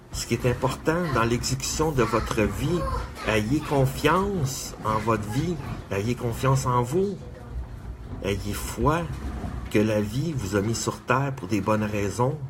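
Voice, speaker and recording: A man giving an earnest motivational monologue, repeating his exhortations in measured phrases and greeting viewers by name. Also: medium pitch, a little hiss or hum. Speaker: motivational speaker.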